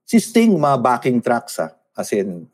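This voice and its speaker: A man chatting casually on a talk show. He tells stories with lively, swooping pitch. He mixes Tagalog and English as he talks. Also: unhurried. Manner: animated storytelling, switching between Tagalog and English. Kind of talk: casual chat.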